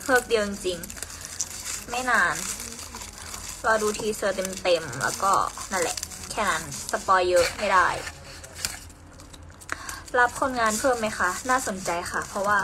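A woman's voice: medium pitch, a little slow, pauses often, background noise. A young woman chatting casually on a live stream, reading out viewer comments while packing orders, playful and talkative.

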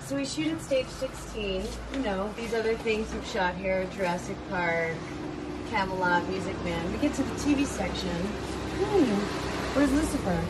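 A woman's voice: mid-range voice, measured pace, very noisy. A woman chatting casually behind the scenes on a film studio soundstage, playful and teasing as she jokes with the crew.

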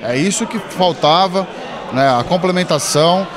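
A man's voice: sits high, moderate pace. Male councilor, enthusiastic interview answer, busy room chatter. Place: council chamber. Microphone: handheld mic held by interviewer. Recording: crowd chatter behind.

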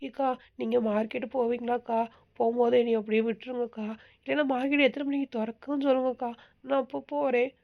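Lady doing a whiny stubborn young wife, high and kinda gravelly, talk, dull lo-fi recording. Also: flat delivery, fast talker. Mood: explaining. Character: young married woman, weepy, stubborn and proud. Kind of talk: home-made comic skit.

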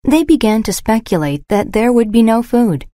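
A woman slowly reading short moral stories aloud for English learners. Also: on the high side, dry recording, studio quality. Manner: slow, even reading. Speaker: story narrator. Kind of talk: scripted narration for English learners.

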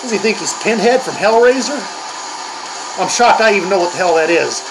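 A man's voice: high-pitched, animated, brisk, noisy background. An older man hosting a comedic reaction video, grumbling and mocking in a crude, profane way. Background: heavy metal music playing.

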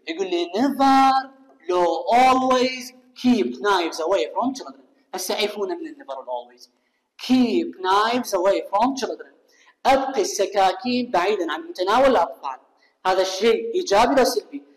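A man with an Iraqi Arabic accent teaching an English lesson. He asks his students questions and answers them himself, and reads the English example sentences slowly and carefully. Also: sits high. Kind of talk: recorded classroom lesson. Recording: echoey room with long reverb.

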